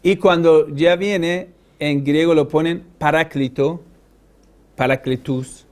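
Man, high voice, lecturer, emphatic, asks the class questions. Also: steady tone, slow, a little mellow. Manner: emphatic, addresses listeners directly with questions. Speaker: religious lecturer.

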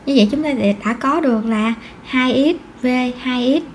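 A high-pitched woman talks through a crochet tutorial. She is patient and counts each stitch aloud. A faint hiss sits behind her voice. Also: normal speed. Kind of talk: step-by-step crochet instruction.

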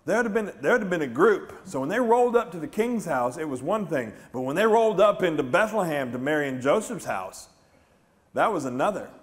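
Brisk and on the high side, the middle-aged American pastor's voice carries across a large indoor church stage. He preaches conversationally, bringing the story to life with animation and questioning his congregation.

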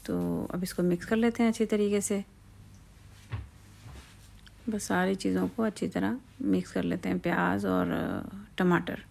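A woman's voice: lowish voice, animated, measured pace, gravelly, long pauses, darkish tone. A woman hosting a home cooking channel, explaining each step in a chatty, casual way with frequent fillers, cooking outdoors at night.

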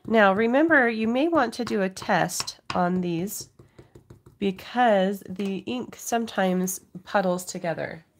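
A woman's voice: mid-range voice, expressive, slow, a little hiss or hum. A middle-aged woman with a cold, giving a casual craft demonstration to viewers as the host at home. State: has a cold, occasional cough. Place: indoors at a home craft table.

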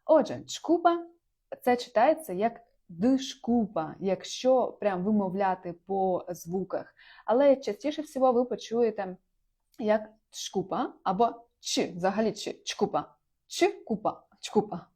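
A chatty woman in her thirties gives a relaxed video lesson. She laughs often and jumps her voice up when she says example words. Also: mid-range voice, unhurried. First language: Ukrainian. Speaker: Portuguese language teacher.

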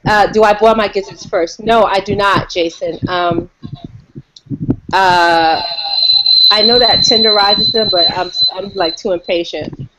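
A woman's voice: mid-range voice, steady tone, a little slow. A woman co-hosting a casual online video chat, joking around and laughing often. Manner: laughs often, jokey and chatty. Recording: noisy online call audio.

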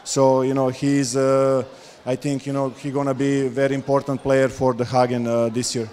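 A man's voice: medium pitch, completely flat delivery, normal speed, darkish tone. A visiting basketball coach, a man, answering postgame questions on stage, with many fillers and restarts. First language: Serbian. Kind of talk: postgame press talk. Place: stage in a large dark hall. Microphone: handheld mic. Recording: long hall reverb.

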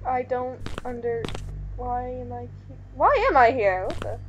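High, lively young woman gaming. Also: unhurried, lo-fi sound, heavy background noise. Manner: jumpy, exclaims at the game. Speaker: let's play host, player. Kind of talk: casual gaming commentary.

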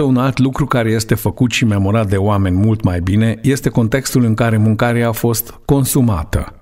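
A man in his thirties giving a scripted online lecture in a studio, in a measured, explanatory way. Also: mid-range voice, a little mellow.

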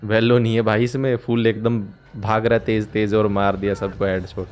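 Excitable man streaming a horror game. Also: lowish voice, normal speed. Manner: excitable, shouts in panic during fights. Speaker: gaming streamer. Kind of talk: live gameplay commentary.

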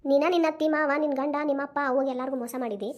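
A woman's voice: high voice, steady tone, very fast, close to an everyday voice. A woman voicing a stern North Karnataka village mother. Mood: bitter. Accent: North Karnataka Kannada. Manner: scolding, lecturing. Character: stern old village mother, bitter and unforgiving. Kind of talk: cartoon voice acting.

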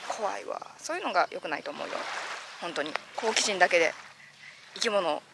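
A woman with a Kansai accent, chatting casually and excitably while vlogging outdoors by the sea. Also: on the low side, fairly quick, vocal fry, noisy background. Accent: Kansai Japanese. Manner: chatty, excitable, playful, breaks into laughs. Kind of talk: casual outdoor vlog chat.

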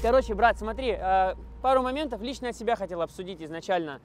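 Fast-talking young man with a highish voice. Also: soft background music. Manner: slangy, profane, emphatic. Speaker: vlog host. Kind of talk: casual vlog talk and narration.

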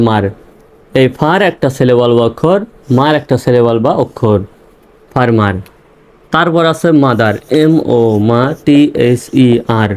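A man teaching an English reading lesson who spells each word letter by letter, then says it again in syllables and asks the viewer questions that he answers himself. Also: mid-range voice.

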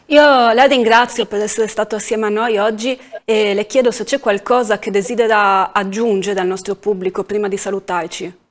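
Measured woman interviewer. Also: medium pitch, steady tone. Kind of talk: news interview.

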